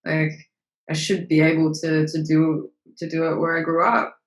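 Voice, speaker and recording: Low-pitched and monotone at a moderate pace, a young Australian woman gives a candid interview as an actress and model guest. She swears casually, uses many fillers, and the recording carries a roomy echo.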